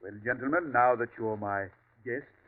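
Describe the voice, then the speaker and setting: Playing a calm, superior Martian invader who poses as a ranch host, a male actor delivers 1940s radio villainy in a mid-range voice at normal speed, close to how he'd ordinarily talk. He comes across suave and courteous, coldly condescending, with smooth menace. The audio is tinny and old, with faint hiss.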